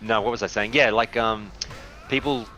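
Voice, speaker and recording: A man who hosts a podcast, chatting casually while gaming, animated and swearing, often mimicking other people. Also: lowish voice, moderate pace, soft background music. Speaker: podcast host.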